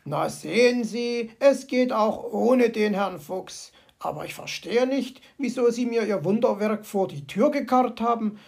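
A woman's voice: a little high, a little slow, vocal fry, a little mellow. A woman voicing a grumpy, sardonic male fox in a storybook audio play, grumbling and dryly sarcastic.

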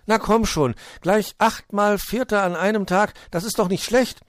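A man voicing a small, cheeky male bird who chirps, pleads and whines in a high voice. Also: moderate pace, no echo, clean studio sound, close to an everyday voice. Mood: coaxing.

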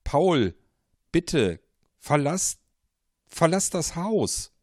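A man's voice: mid-range voice, very animated, slow, a little mellow, no room sound, clean studio sound, voice pushed up. A man voicing a mysterious male caller who urgently warns of danger, pressing and commanding.

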